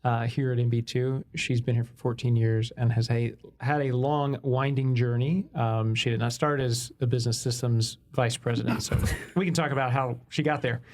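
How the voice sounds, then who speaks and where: A man's voice: mid-range voice, fairly even intonation, normal speed, few pauses, a little mellow. A man co-hosting a podcast in casual chat, joking and self-deprecating, often restarting his sentences. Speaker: podcast co-host.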